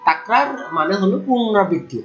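A man from Bangladesh teaching Quran pronunciation in an online tajweed lesson, who patiently repeats sounds slowly and keeps saying "okay". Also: sits high, expressive, highs cut off.

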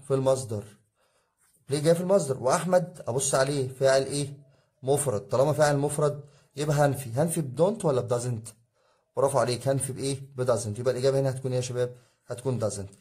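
A man's voice: mid-range voice, darkish tone. A man with an Egyptian Arabic accent teaching an exam review lesson, asking his students questions and answering them himself. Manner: addresses students as guys, drilling rules. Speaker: English teacher.

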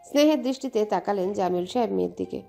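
Warm-voiced woman narrating a story. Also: medium pitch, animated, fast, creaky, soft background music. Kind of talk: scripted dramatic narration.

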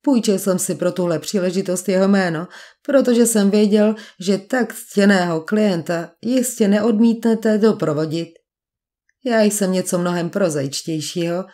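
A woman's voice: medium pitch, dark tone, lightly acted. A woman voicing a suave male villain posing as a duke, speaking with polite, mocking menace in an audiobook. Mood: smooth menace. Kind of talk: audiobook character voice.

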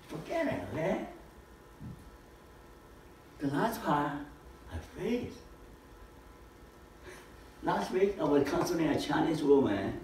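An older man teaches informally in a living room equipped with a projector screen, asking rhetorical questions and gesturing broadly. His voice is a little high and darkish in tone. Captured by a camera across the room, the audio is echoey and distant with a little hiss or hum.

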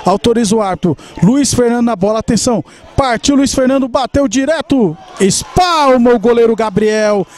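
A Brazilian man commentating a football match live, with explosive shouted calls and drawn-out words. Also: extremely high pitch.

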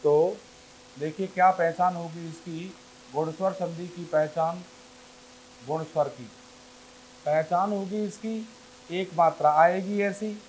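High-voiced man teaching a slow Hindi lesson. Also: darkish tone, slight background noise, low-quality recording. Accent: North Indian Hindi. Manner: asks the class questions and answers them himself; repeats words slowly for emphasis. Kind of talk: classroom grammar lesson.

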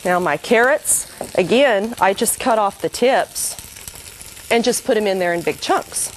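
A middle-aged woman hosts a cooking show, chatting in a homey way as she walks viewers through each step at the stove, with a sizzling pan and stirring behind her. Her mid-range voice is animated and unhurried. The recording is rough, with a little hiss or hum.

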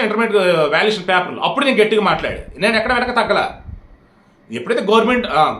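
A man's voice: sits high, fairly bright tone. A man giving heated, scolding political commentary straight to his audience, firing rhetorical questions. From India. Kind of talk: direct-to-camera political commentary. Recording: roomy echo.

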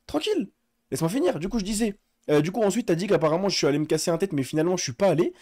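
High, rapid-fire male streamer arguing. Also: animated, darkish tone, no room sound, studio quality. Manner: insistent, repeats slang address, talks over the other. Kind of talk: heated online argument.

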